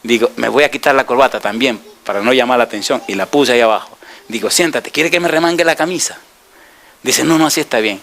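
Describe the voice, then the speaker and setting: Bright-voiced male pastor preaching. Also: mid-range voice, quick pace. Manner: animated storyteller, asks the congregation rhetorical questions. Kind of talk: storytelling sermon.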